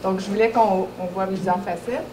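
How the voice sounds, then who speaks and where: A woman's voice: mid-range voice, steady tone, moderate pace. A woman educational consultant, presenting students at a public event and speaking with many hesitations and fillers. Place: event hall at a public launch. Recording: roomy hall with loud background noise.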